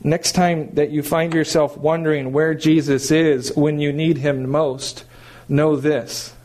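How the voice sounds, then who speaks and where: Middle-aged male pastor, sermon delivery, emphatic and animated, voice a little high. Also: slow pace. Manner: animated, emphatic preaching with rhetorical questions.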